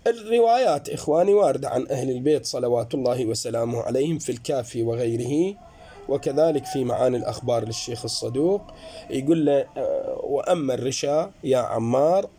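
A man's voice: mellow, husky. A man giving a jurisprudence lecture, explaining points to his students and calling them brothers. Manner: explanatory, addresses students as brothers, rises and drops in pitch. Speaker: seminary teacher.

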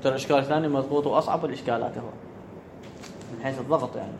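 A man's voice: medium pitch, rapid-fire, vocal fry, a little mellow, a little hiss or hum. A man giving a classroom grammar lecture, often checking whether his students follow and repeating the key words. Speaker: teacher of Arabic grammar.

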